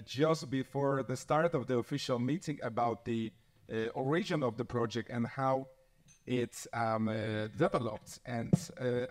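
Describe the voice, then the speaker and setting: A man moderating a conference panel, introducing guests politely and hesitantly with many fillers. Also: medium pitch. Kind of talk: formal event hosting.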